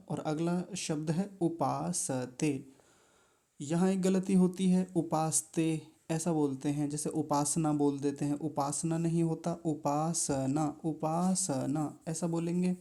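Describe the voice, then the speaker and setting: A man hosting his own channel, teaching careful pronunciation in a deliberate way and repeating each word syllable by syllable. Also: on the high side, mellow. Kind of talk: pronunciation lesson.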